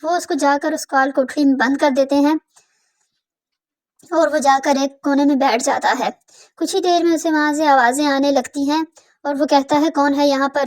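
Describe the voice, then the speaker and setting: High-voiced woman narrating a cartoon story. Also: a little mellow.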